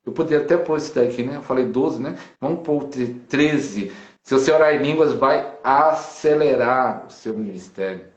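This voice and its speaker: A man with a Brazilian accent, a pastor, talking emphatically on a live video call and slowing down to quote scripture. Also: medium pitch, echoey room, muffled recording. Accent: Brazilian Portuguese.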